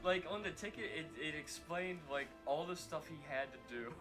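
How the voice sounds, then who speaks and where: A man's voice: a little high, normal speed, music in the background. A man chatting casually while streaming a game, rambling, swearing and laughing as he tells a story. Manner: rambling, profane, laughs mid-sentence.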